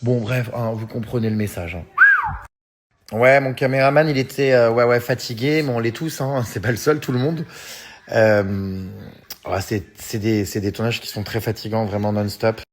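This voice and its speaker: A man's voice: mid-range voice, steady tone, moderate pace, a little hiss or hum. Chatty French vlogger man, filler-heavy. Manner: chatty, many fillers like hein and euh; often laughs while talking. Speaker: vlogger reading and answering fan messages. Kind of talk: casual story chat to followers.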